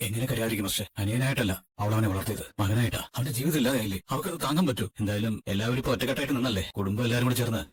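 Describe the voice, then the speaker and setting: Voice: medium pitch, rapid-fire, few pauses, slightly rough, natural voice. A performer voicing a distressed young married son, pleading emotionally with his parents in a dubbed TV serial. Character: distressed young married son torn between mother and wife.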